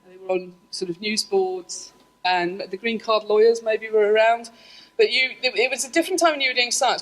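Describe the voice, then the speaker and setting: Lively woman giving a conference talk. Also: medium pitch, low-quality recording. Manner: lively and self-deprecating, with asides and laughter. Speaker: scientist giving a public talk. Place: lecture room.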